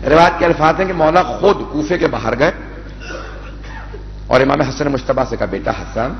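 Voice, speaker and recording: A male preacher recites a mourning narrative with dramatic, storytelling fervor. His voice sits somewhat high. The recording is muffled and lo-fi. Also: roomy sound, big-room sound. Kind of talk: sermon recitation. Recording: dull lo-fi sound.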